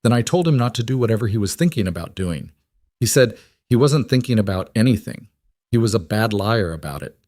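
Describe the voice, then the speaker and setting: A weary, steady woman who runs a youth center, quiet and blunt in a storybook reading, as a male narrator voices her. The voice stays low, and the recording is dry and close. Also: fairly quick, dry recording.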